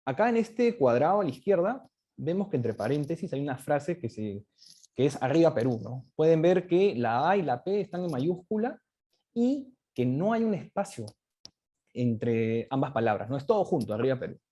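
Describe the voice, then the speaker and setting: Guy lecturing off slides, mellow husky voice, keeps tacking on "right?". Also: on the high side. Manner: explanatory, often ends points with a tag question. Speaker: guest speaker on crypto economics.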